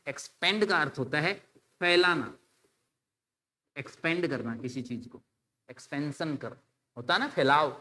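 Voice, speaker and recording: Male teacher, bright, slightly high voice, casual classroom explaining. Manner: explains in Hindi mixed with English terms, spells words letter by letter; addresses students casually as "bhai". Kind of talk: exam-solution video lecture.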